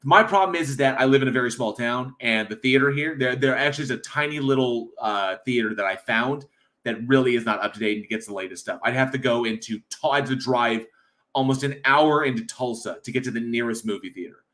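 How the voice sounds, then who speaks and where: An American man hosts a casual livestream from home, rambling with lots of fillers and reading the chat aloud. His voice is medium-pitched and a bit bright, and he speaks briskly.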